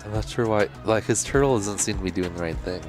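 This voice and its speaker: A man co-commentating a drone race, reacting with quick exclamations. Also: lowish voice, over music. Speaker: co-commentator and pilot.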